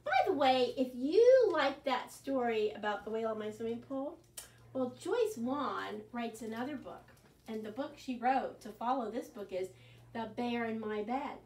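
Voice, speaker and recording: This children's librarian, a woman in her sixties, reads a picture book and sings, gasping with animated, sing-song delivery. Her voice is a little high and her speed normal. The camera sits back across her living room, so the sound is echoey and far away.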